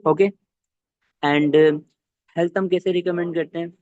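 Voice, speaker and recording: Fast-talking male team trainer. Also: sits high, fairly even intonation, dry recording, dull audio. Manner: rapid-fire, quizzing listeners with either-or questions. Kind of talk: online training session.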